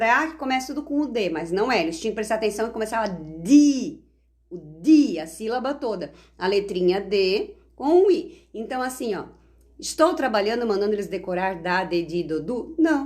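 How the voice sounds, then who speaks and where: A woman's voice: fairly high pitch, animated, fairly quick, a little mellow. A woman teacher explains classroom literacy activities in a live online talk, checking in often with tag questions.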